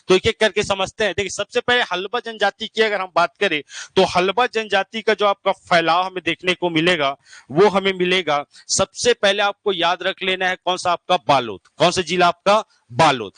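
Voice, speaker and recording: Guy teaching exam prep, high bright voice, keeps quizzing himself, dry close sound. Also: no echo. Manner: repetitive call-and-response drilling, asks and answers himself; keeps checking in with the class. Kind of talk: classroom lecture.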